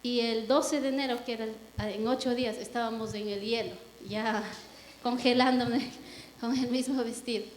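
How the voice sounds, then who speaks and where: High-voiced woman sharing church testimony. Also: moderate pace, a little hiss or hum. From Ecuador. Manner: lively storytelling with acted quotes. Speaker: church member giving testimony. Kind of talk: testimony to a congregation. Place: church hall. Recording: echoey hall with long reverb.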